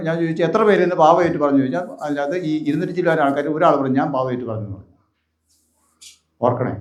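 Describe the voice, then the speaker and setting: Male bishop, fast sermon delivery, slightly high voice, roomy church sound. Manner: rhetorical questions answered himself. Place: large echoing church.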